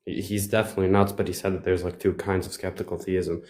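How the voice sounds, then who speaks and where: Low-voiced Bosnian man chatting casually. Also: level tone, fast talker, darkish tone. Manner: hesitant, many fillers and restarts. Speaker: livestream guest. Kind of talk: casual chat.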